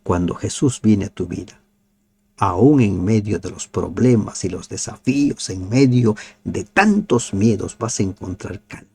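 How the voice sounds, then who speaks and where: Gravelly, slow-speaking man teaching the Bible. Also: lowish voice. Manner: asks the listeners rhetorical questions; drops to soft, nearly whispered pleas. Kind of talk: devotional Bible commentary.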